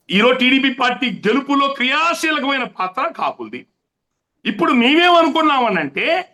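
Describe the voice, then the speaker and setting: A man's voice: very high voice, bright, forceful tone. A man speaking as an interview guest in heated interview talk, impassioned and emphatic, repeating his points for force. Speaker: interview guest, political activist.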